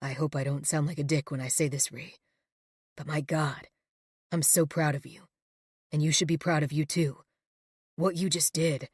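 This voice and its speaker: A gentle, protective young man from a romance audiobook speaks quietly and low, as a woman narrator puts him on. His voice stays soft and tender. The recording is dry and close. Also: steady tone, moderate pace, pauses often, husky, no echo. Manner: soft, low and warm-spoken.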